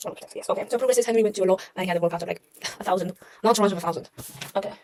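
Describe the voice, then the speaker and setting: A woman's voice: mid-range voice, rapid-fire, a little mellow, a little hiss or hum, poor audio. A young woman talking through her history revision notes in a casual, chatty way, often correcting herself and making wry asides. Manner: chatty, self-mocking, trails off and corrects herself.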